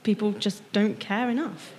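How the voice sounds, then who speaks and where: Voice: medium pitch, fairly even intonation, moderate pace, slightly rough, long reverb tail. A young student giving blunt, frank, casual answers to street questions. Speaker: student interviewee. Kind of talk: casual vox-pop answers.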